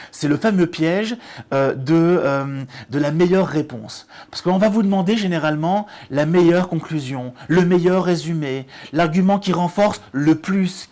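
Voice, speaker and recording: A middle-aged man, a test-prep director and author, explaining exam strategy in an interview with frequent restarts and lively emphasis. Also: a little high.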